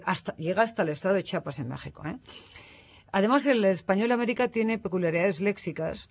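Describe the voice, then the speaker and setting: Expert guest, man, somewhat high-pitched, teaching tone, checks in with listeners, fixes slips as he goes. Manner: didactic, tags statements with "¿no?", corrects himself mid-sentence. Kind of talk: explanatory radio talk.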